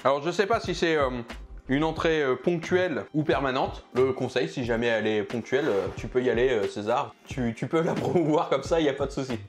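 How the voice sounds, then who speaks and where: A man's voice: medium pitch, a little fast, faint music behind. A man reviewing pizzas for his food vlog, chatting casually and joking while he eats. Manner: chatty, jokey, eating while talking. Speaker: food vlogger.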